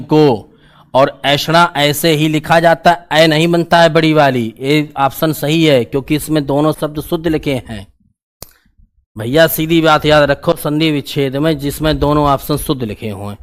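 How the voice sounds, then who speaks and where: A male teacher, giving an exam-prep grammar lesson in a casual, repetitive questioning style. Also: on the high side. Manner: explains in a casual, colloquial style, asks questions and repeats the answers.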